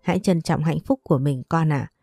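A woman's voice: low-pitched, brisk, vocal fry, warm tone, slightly rough, no room sound, exaggerated voice. A woman voicing an older father who speaks in a solemn, preachy way, read in a storybook. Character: older father, calm and moralizing.

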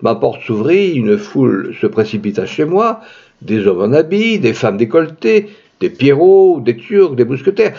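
Husky-voiced man reading a tale dramatically. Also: big pitch swings, unhurried, mellow, lo-fi sound. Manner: dramatic, shifting pitch for emphasis. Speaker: storyteller reading a classic tale. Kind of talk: expressive literary reading.

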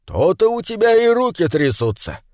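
An eager, fretful nephew who exclaims at every turn, put on by a man reading a storybook aloud. The voice sits noticeably high and jumps around a lot. It is recorded close and dry. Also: very animated, normal speed, darkish tone, dry recording. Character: eager, exclaiming middle-aged male nephew.

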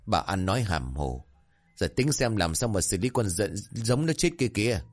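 A man playing a stern, worried old village husband who speaks gruffly. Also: lowish voice, sing-song, moderate pace, soft background music. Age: older. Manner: gruff, scolding.

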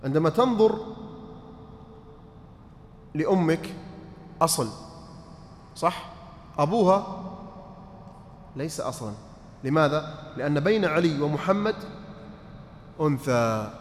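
A man's voice: fairly high pitch, expressive, unhurried, long pauses. A man teaching a mosque lesson on inheritance law, quizzing his students, repeating points and checking that they follow. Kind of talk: mosque study-circle lesson. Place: large mosque hall. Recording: reverberant mosque hall, faint noise.

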